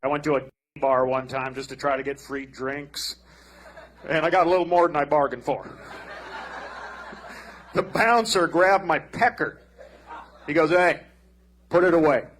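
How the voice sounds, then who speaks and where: A man doing a stand-up set, telling one-liners in a deadpan way. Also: a little high, unhurried, pauses often, slight background noise. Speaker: stand-up comedian.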